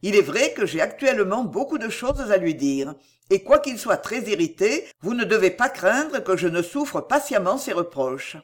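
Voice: mid-range voice, very animated, normal speed, lightly acted. A reader voicing an ardent young man, earnest and imploring, in an audiobook of a classic novel.

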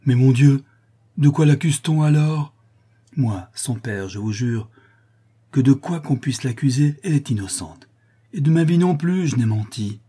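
A man reading aloud and voicing a distraught, pleading working-class father with a husky, raised voice. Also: medium pitch, expressive, normal speed, warm tone, voice pushed up. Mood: insistent.

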